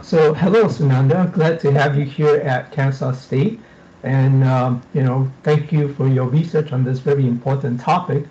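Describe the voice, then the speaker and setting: Middle-aged man from Singapore, polite formal questioner, mellow voice, lo-fi call sound. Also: medium pitch. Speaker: audience member asking a question. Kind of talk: prepared question on a video call. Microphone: video call. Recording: dull lo-fi video call audio.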